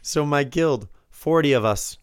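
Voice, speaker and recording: A man's voice: fairly high pitch, unhurried, clear, resonant tone, dry recording. A man co-hosting a podcast, chatting casually and telling stories. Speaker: podcast co-host. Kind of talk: casual chat, storytelling.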